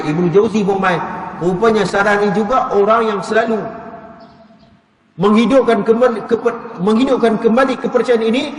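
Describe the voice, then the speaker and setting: Storytelling Kedah Malay preacher in an echoey mosque. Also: male voice, sits high. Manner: storytelling, acts out quoted speakers. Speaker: religious teacher. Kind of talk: mosque lecture. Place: large mosque hall. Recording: echoey hall, voice from far off.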